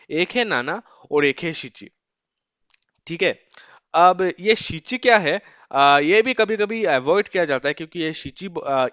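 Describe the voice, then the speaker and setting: Male tutor with a clear, even voice, mid pitch, dry and slightly dull sound; talks casually and drills words slowly. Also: no echo. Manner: repeats "ठीक है" often, slows to drill numbers. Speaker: language teacher. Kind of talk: casual spoken lesson.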